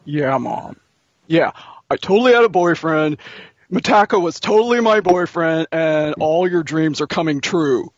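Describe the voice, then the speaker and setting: A woman's voice: low voice, measured pace, no room sound, muffled recording. A woman playing a petulant, sarcastic young male villain in an improvised comic role-play, sulky and pedantic.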